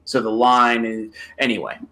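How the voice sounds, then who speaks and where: A man's voice: medium pitch, fairly even intonation, normal speed, crowd noise. A man guesting on a casual podcast, thinking aloud and poking fun at himself. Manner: thinks aloud, self-deprecating. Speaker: podcast guest, esports writer. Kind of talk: casual chat.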